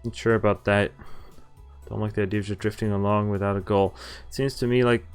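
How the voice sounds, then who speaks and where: Fairly low and smooth, this man's flat voice moves fairly quickly as he reads a visual novel aloud during a stream. He tosses in casual, joking remarks between lines. Music can be heard faintly behind him.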